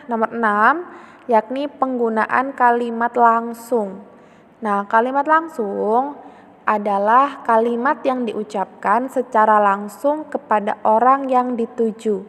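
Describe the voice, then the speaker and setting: A woman's voice: a little high, big-room sound. A woman teacher patiently explaining a lesson, often checking in with a short "ya" as she repeats her points. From Indonesia.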